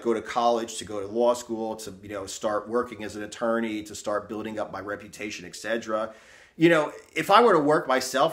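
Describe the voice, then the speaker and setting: A man's voice: mid-range voice, a bit bright. Blunt, profane male coach ranting. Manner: blunt, profane, emphatic, repeats "okay?" and "you know". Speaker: fitness and success coach. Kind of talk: blunt motivational vlog rant.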